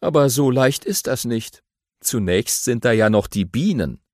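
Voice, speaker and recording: A man narrating a children's audiobook in an animated storytelling way. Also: mid-range voice, measured pace, dry recording, clean studio sound.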